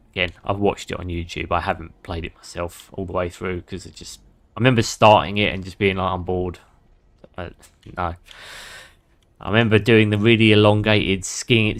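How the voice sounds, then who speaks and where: A man streaming a game and chatting away in a somewhat low voice. He swears freely and laughs often as he talks with his viewers. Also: fairly bright tone. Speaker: gaming streamer. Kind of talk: casual gameplay commentary.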